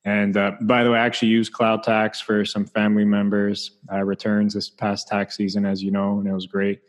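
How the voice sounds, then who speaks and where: A man's voice: lowish voice, monotone, brisk, in a large hall. A man hosting a podcast interview, talking casually and upbeat with lots of fillers. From Canada. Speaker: podcast host.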